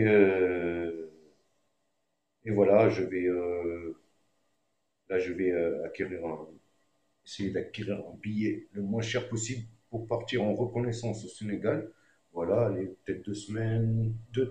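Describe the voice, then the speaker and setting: Laid-back low-voiced man telling a story. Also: unhurried, warm tone, reverberant. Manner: laid-back, slangy, frequent fillers. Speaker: reggae singer and comedian. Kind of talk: casual storytelling.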